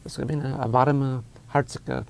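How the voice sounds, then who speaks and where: A man's voice: medium pitch, fairly even intonation, brisk, creaky, darkish tone. A man co-hosting a casual chat, friendly and asking his partner questions. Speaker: podcast co-host.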